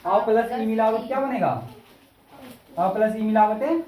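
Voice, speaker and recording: A woman's voice: a little high, mellow. A woman teaching a Hindi grammar class, quizzing students again and again and stretching out vowel sounds to show their length. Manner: repetitive questioning, drawn-out vowel demonstrations, scolding. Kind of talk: classroom lesson with call-and-response drilling. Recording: echoey room from far off.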